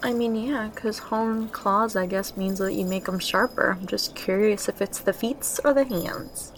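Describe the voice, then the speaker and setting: A woman's voice: medium pitch, measured pace, slight background noise. A woman co-hosting a podcast in casual chat, asking playful, jokey questions. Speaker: podcast co-host.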